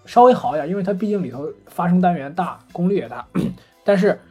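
A man co-hosting a casual podcast chat, telling anecdotes in a lively, chatty way. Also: high-pitched, fast, husky, faint music behind. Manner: chatty storyteller, animated retelling of anecdotes. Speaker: podcast co-host. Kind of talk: casual chat about gadgets.

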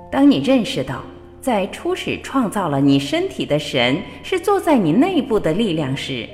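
Expressive woman reading spiritual reflections. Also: fairly low pitch. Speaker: radio host. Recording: long reverb with faint background music. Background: faint music.

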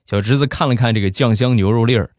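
A man's voice: medium pitch, fast talker, no echo, studio quality. A man hosting a show, telling comic stories in a chatty way. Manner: chatty, animated. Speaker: joke-telling host. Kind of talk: comic storytelling.

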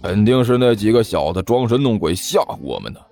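A man voicing a gruff, sneering male robber boss who snaps scornfully at his timid sidekick in a told story. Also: fairly low pitch, big pitch swings, brisk, mellow, faint music behind.

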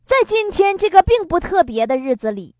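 A woman's voice: very high voice, big pitch swings, fairly quick, warm tone, no echo, clean studio sound. A woman hosting a radio comedy monologue, chatty, laughing often and acting out quotes. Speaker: comedy show host. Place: radio studio.

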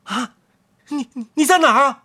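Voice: mid-range voice, huge pitch swings, measured pace, bright, forceful tone, husky, dry recording, clean studio sound, voice pushed up, exaggerated voice. A storyteller voicing nervous, greedy thieves in a storybook reading, stammering and jumpy. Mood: startled.

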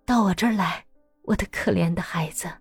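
A woman reading a novel aloud, voicing a gravely ill young peasant wife who speaks faintly and breathily to her family. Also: lowish voice, fairly quick, dry recording, clean studio sound, soft background music, heavily acted. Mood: weak, tender. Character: dying young peasant wife, weak and tender.

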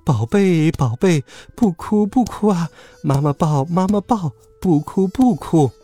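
A man's voice: high-pitched, wildly swooping pitch, slow pace, darkish tone, slightly rough, dry recording, pitched above the performer's own voice, exaggerated voice. A man voicing a sly female child trafficker who coaxes in a sing-song voice and shrieks when frightened. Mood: coaxing. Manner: coaxing sing-song, then shrieking in fear. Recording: dry close recording with faint music.

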